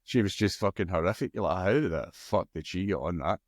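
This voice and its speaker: A man's voice: deep voice, fairly quick, no room sound. A man in casual podcast banter, crude and jokey, swearing often. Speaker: podcast co-host. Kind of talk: casual chat.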